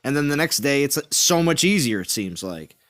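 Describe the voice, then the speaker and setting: A man's voice: medium pitch, very animated, normal speed, a bit bright, soft background music. A man hosting a live gaming stream in casual, chatty talk. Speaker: stream host.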